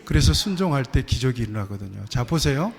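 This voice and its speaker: A male pastor preaches in a church, talking with his congregation in an easy, conversational way. His voice sits at a middle pitch and is full of rhetorical questions. The sound carries a long reverb from the hall. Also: sing-song, fast, gravelly. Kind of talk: sermon. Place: church sanctuary.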